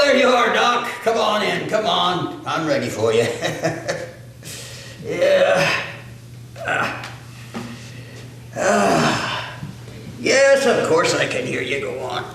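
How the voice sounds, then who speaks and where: A man's voice: high-pitched, gravelly, a bit bright, heavily acted. A man playing a cranky old riverboat magnate. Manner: folksy, grumbling, talks back to an unseen doctor. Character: cranky elderly male riverboat magnate, stubborn. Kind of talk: one-man stage monologue. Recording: echoey room, distant mic, noisy.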